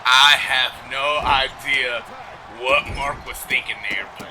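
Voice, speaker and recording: A man calling a live wrestling match play by play, bursting into loud excited shouts at the big moves. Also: mid-range voice, slow, slight background noise. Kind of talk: live sports commentary.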